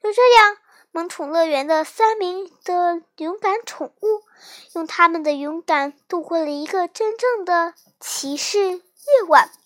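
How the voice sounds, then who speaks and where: Bright, high-voiced woman reading a children's story. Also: a little slow. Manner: gentle, expressive storytelling. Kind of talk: children's bedtime story narration.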